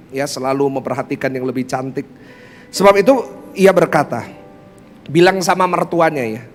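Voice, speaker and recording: Brief: animated male pastor preaching, acts out voices, in a reverberant hall. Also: fairly high pitch. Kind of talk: sermon. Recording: music bed, long hall reverb.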